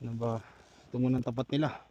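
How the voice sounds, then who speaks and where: A man's voice: medium pitch, little pitch movement, rapid-fire, warm tone, highs cut off, slight background noise. An older man, narrating a casual vlog while he shovels snow outdoors. He is out of breath and laughs often between phrases. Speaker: vlogger.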